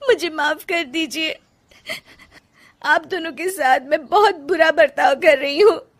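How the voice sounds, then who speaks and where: A woman's voice: sits high, measured pace, voice pushed up. A woman voicing a young wife and frustrated painter who talks through tears. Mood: apologetic. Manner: tearful, pleading. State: crying.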